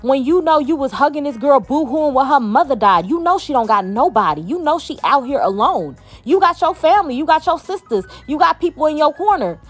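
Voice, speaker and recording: High-voiced woman in an impassioned rant. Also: lively intonation, a little fast, few pauses, soft background music. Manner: impassioned, profane, emphatic. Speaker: commentary vlogger. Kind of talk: heated commentary rant.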